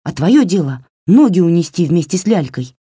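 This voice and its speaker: A woman voicing a sensible little female doll in a storybook reading, brisk and clipped in manner. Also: mid-range voice, expressive, a little mellow, slightly rough, no room sound, clean studio sound, voice pushed up.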